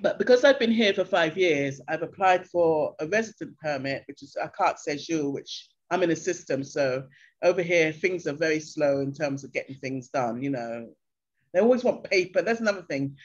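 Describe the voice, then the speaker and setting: An older Englishwoman chats casually on a video call as an interview guest, seated in a bright room at home. Her voice is low and her pace moderate, and she tells stories with animation, acting out the voices of locals. The audio is dull and lo-fi, typical of a video call.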